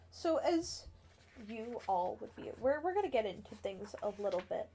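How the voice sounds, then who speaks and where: A woman's voice: on the high side, sing-song, unhurried, warm tone, slight background noise. A woman hosting and running a tabletop role-playing game as game master, talking loosely with plenty of ums and uhs. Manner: loose, hesitant, many fillers.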